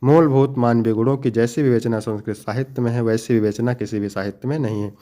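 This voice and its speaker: A young man teaching an exam-prep lesson, explaining each answer step by step, slowing down to stress key points and calling his students dear children. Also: mid-range voice, steady tone, warm tone. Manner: explains each answer step by step, then reads the next question; addresses students fondly.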